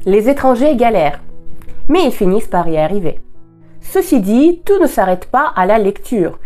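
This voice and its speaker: A woman from Russia, a native Russian speaker, giving a scripted language lesson and slowing down to pronounce example words with care. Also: mid-range voice, a little mellow. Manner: clear, deliberate teaching, slowing to model example words. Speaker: language teacher.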